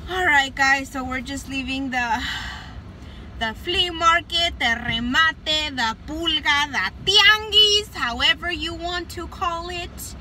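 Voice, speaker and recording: A woman's voice: sits high, slow pace, a little hiss or hum, poor audio. A woman in her thirties, filming herself on a phone at an outdoor flea market, chatting to viewers in a casual vlog and laughing often. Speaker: family vlogger. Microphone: phone held at arm's length. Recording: loud crowd and music outdoors.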